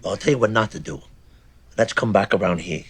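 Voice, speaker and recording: An actor playing a middle-aged mob boss, plain-spoken and guarded, in a television crime drama. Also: male voice, fairly low pitch, a little fast, fairly bright tone, husky. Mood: subdued.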